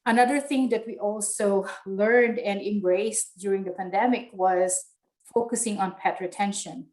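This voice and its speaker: A woman giving a halting webinar presentation over a video call, her audio choppy and breaking up. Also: mid-range voice, steady tone, a little mellow, rough recording. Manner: halting, with many fillers and restarts. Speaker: presenter from an animal shelter agency.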